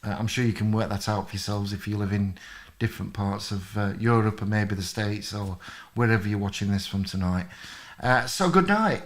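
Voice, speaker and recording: A man's voice: fairly low pitch, normal speed. A man hosting a history live stream, chatting loosely with viewers and answering their comments with many fillers. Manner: rambling, friendly, many fillers, reads out chat comments. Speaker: history channel host.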